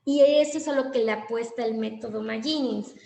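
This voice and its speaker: A woman's voice: on the high side, a little fast, gravelly, a little mellow, roomy sound. A woman giving a lecture on language therapy, explaining step by step and acting out short exchanges between teacher and child. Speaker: teacher trainer.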